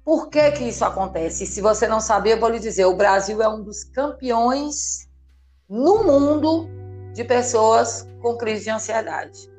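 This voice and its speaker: A woman's voice: on the high side, unhurried. A woman from Brazil, a therapist, explaining emphatically in an interview and checking that her listener follows. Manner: animated, emphatic, asks listener "entendeu?" often. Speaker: therapist guest. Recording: faint background music.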